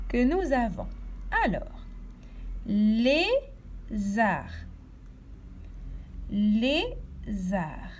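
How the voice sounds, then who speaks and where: A woman guides young children through a syllable exercise at an unhurried, deliberate pace. Her voice sits slightly high, and she repeats each word clearly and patiently, taking her time between phrases. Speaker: teacher.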